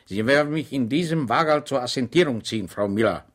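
A man's voice: mid-range voice, lively intonation, brisk, lightly acted. A man voicing a good-natured, bumbling middle-aged soldier, bedridden with rheumatism, who talks with solemn cheer and bellows war songs. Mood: earnest.

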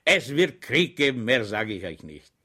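A man's voice: mid-range voice, very animated, normal speed, sharp tone. A man voicing a simple, good-natured, chatty soldier in an audiobook, rambling with naive confidence. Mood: eager.

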